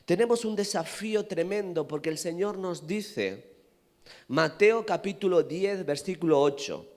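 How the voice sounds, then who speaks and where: A man with a Spanish accent from Spain delivers a sermon in a long-echoing church hall, his fairly high voice climbing to loud, emphatic peaks. He keeps throwing questions to the congregation and answering them himself. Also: animated, a little slow. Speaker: pastor. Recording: reverberant hall.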